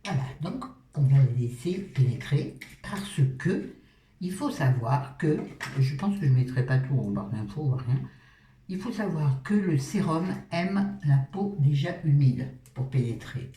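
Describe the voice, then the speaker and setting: A woman's voice: low-pitched, very animated, measured pace, warm tone, recorded from a distance, slight background noise. A middle-aged woman talking through her skincare routine at a washbasin, chatty and joking, poking fun at herself and swearing casually. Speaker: beauty vlogger. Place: at a washbasin indoors. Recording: roomy sound, voice off-mic.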